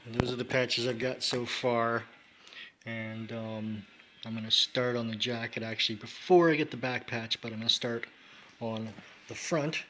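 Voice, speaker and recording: A man's voice: mid-range voice, fairly even intonation, normal speed, pushed and bright, a little hiss or hum. Rambling, cussing man vlogging a craft. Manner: rambling, profane, offhand. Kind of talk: casual how-to chat while sewing.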